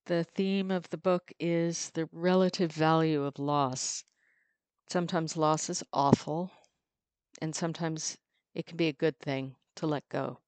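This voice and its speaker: A woman's voice: deep voice, fairly even intonation, measured pace, darkish tone, no echo. A woman reading her own poetry. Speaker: poet.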